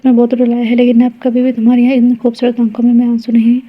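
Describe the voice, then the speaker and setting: A woman's voice: a little high, completely flat delivery, close to an everyday voice. A woman voicing a remorseful young husband who pleads through tears for his wife's forgiveness, in an audio novel. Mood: tender. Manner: tearful, pleading. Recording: dull lo-fi recording.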